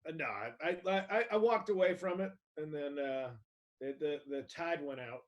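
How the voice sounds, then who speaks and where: A man's voice: fairly high pitch, moderate pace, highs cut off. A man co-hosting a comedy podcast, rambling with stammered restarts and heavy sarcasm. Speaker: podcast co-host. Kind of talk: casual comedy chat.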